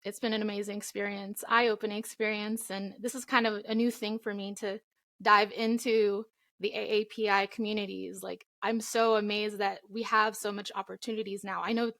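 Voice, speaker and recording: A woman's voice: medium pitch, level tone, moderate pace, creaky, fairly bright tone, no echo, clean studio sound. A young woman from the Philippines, raised in Florida, answering interview questions earnestly with frequent ums. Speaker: indie singer-songwriter guest.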